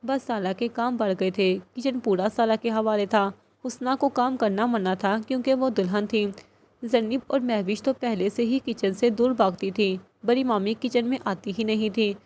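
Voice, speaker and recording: A woman reads a novel aloud in a steady, storytelling manner. Her voice sits fairly high for a woman. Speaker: audiobook narrator. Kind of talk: scripted novel narration.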